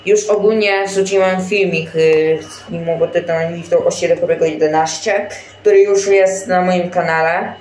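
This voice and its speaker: A man's voice: sits high, steady tone, normal speed, a little mellow. Rambling young man narrating gameplay, roomy sound. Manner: chatty, rambling, many fillers and restarts. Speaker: gaming channel host. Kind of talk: casual gameplay commentary. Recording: roomy echo, faint game music behind.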